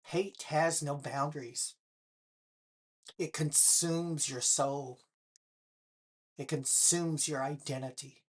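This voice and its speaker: An older woman with a husky, slightly breathy voice talks to camera in an unhurried way. She keeps throwing pointed questions at her audience, with a dry sarcastic bite. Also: sits low, steady tone. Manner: pointed rhetorical questions addressed to the viewer. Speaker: political vlogger. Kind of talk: direct-to-camera commentary.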